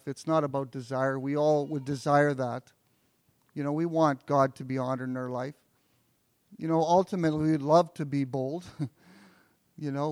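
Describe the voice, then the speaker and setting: A man's voice: a little high, dry recording, studio quality. A pastor preaching an earnest sermon, often repeating words as he builds toward a point.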